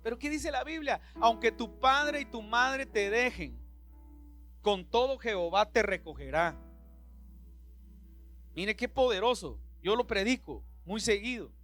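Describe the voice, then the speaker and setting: A man's voice: sits high, lively intonation, a little slow, a bit bright, faint music behind. A man preaching a passionate sermon in a church, with a Central American Spanish accent, acting out Bible scenes in different voices. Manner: impassioned, acts out Bible dialogue in voices. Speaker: pastor.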